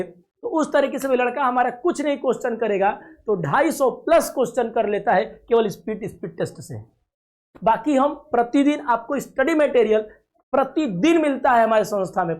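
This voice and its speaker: A man's voice: very high voice, darkish tone. A man teaching a reasoning lesson to students for a coaching video. He talks confidently, promises results and often checks whether the class has understood. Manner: coaxing, asks "clear?" often, calls students dear children.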